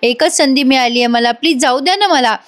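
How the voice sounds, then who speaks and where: A woman's voice: high-pitched, fairly quick, natural voice. A woman voicing an earnest young woman student and canteen worker who speaks in a pleading way.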